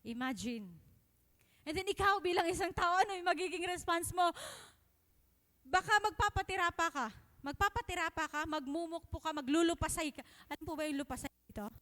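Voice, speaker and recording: A young Filipino woman preaching at a youth service, expressive and often asking her listeners questions. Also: very high voice, fairly quick. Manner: expressive, asks the crowd questions, switches between Tagalog and English. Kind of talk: sermon. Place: church hall. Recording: long reverb in a hall.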